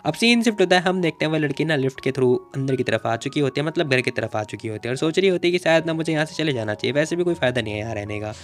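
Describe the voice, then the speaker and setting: A man's voice: a little high, expressive, very fast, few pauses. A man retelling a comic story in a casual, chatty, conversational way, mixing in English words.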